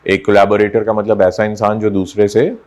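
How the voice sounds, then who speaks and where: A male teacher lecturing on English vocabulary, explaining in Hindi and reading English examples slowly and deliberately. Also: fairly low pitch, flat delivery, darkish tone. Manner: explains in Urdu-Hindi mixed with slow, drawn-out English examples. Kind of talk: recorded classroom lecture.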